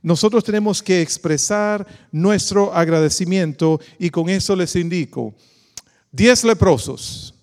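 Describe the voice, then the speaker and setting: Brief: male pastor, very high voice, preacherly, quizzes the flock, long church echo. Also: unhurried, darkish tone. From Dominican Republic. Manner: preacherly, asks the congregation questions, calls them "queridos". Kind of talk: sermon.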